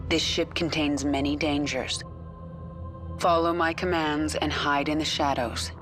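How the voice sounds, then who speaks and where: A woman's voice: sits low, steady tone, unhurried. An actress playing a cold, commanding female alien swarm queen who speaks in terse orders. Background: game score music.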